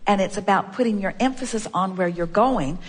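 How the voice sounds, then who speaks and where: A woman's voice: medium pitch, a little fast, big-room sound. A woman giving an emphatic spiritual seminar talk, repeating phrases for emphasis and speaking as "we". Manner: emphatic, repetitive, speaks for a collective "we". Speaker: spiritual teacher.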